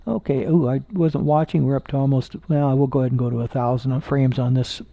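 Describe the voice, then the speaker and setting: A man with a gravelly, low-pitched voice talks easily to his viewers, pausing and restarting as he goes. His voice comes through a somewhat dull, dry computer mic, close and free of any room sound. He sounds unhurried and homespun. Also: no room sound. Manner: relaxed, halting, with many fillers and restarts. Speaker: amateur astronomer streaming live. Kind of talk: casual live-stream chat with viewers. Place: indoors at home.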